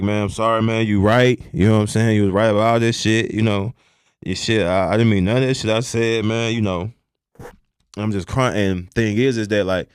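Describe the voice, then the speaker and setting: A young man speaks in a low voice, telling a personal story in a loose, colloquial way. He keeps checking in with "you know what I'm saying" and swears freely. The recording is close and dry, with no room sound. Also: no room sound. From Texas. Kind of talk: personal storytelling in casual conversation.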